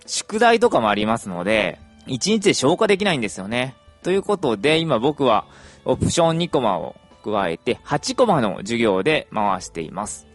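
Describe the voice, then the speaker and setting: A young adult man chatting through a casual podcast monologue, with plenty of fillers. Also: mid-range voice. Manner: chatty, lively intonation, many fillers.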